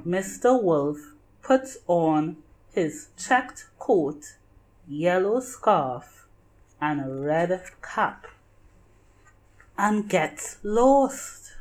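A woman narrating a children's picture book in deliberate, simple phrases meant for young listeners. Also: on the low side, lively intonation, a little mellow, low-quality recording. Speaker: storybook reader.

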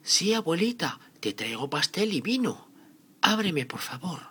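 Guy doing a sweet little girl from a fairy tale, high n lively, naive, bit hesitant. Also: a little slow, breathy edge, exaggerated voice. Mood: innocent, cheerful.

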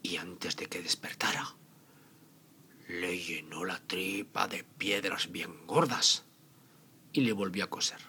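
A man narrating a children's fairy tale in a theatrical way, with dramatic repetitions and pauses. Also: deep voice, pushed and bright, a little hiss or hum. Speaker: storyteller.

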